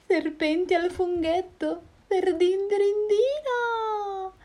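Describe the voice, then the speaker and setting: A woman doing a high fluttery snake. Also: very animated, slow pace, darkish tone, exaggerated voice. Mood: curious. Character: sly nervous female snake.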